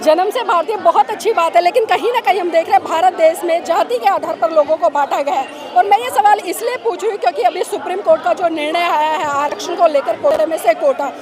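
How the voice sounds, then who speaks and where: Pressing woman reporter in a loud crowd. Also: very high-pitched, fast, few pauses, background noise. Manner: pressing, repeats questions. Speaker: street reporter. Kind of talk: street interview at a protest. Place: outdoor protest crowd.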